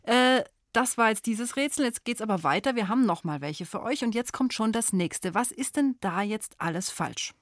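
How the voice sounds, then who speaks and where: A woman's voice: fairly high pitch, animated, normal speed, few pauses, dry recording, clean studio sound. A woman hosting a children's call-in quiz on the radio, friendly and encouraging with young callers. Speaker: radio show host.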